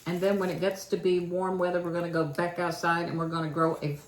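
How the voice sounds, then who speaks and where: A woman's voice: fairly low pitch, little pitch movement, fast talker. An older woman with a Kentucky accent, chatting in a folksy home vlog about her own childhood. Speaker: channel host. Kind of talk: casual home vlog chat. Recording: echoey room with faint noise.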